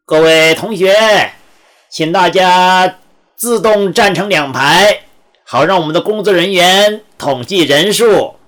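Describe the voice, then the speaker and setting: A man's voice: high-pitched, voice pushed up. A man playing a commanding suited host. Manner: slow, loud announcing. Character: suave middle-aged man in a suit, commanding.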